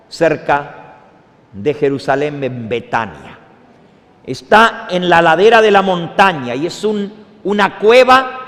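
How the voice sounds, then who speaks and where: A male pastor preaching with fervor, firing rhetorical questions at his congregation between scripture readings. His voice sits fairly high for a man. A long reverb trails every phrase, as in a big hall. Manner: impassioned, asks listeners repeated rhetorical questions.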